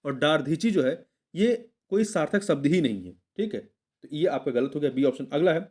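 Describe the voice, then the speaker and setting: A man's voice: a little high, animated, moderate pace, a little mellow. Man patiently explaining Hindi test answers. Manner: patient, repeats answers, self-corrects mid-word. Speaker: exam coaching teacher.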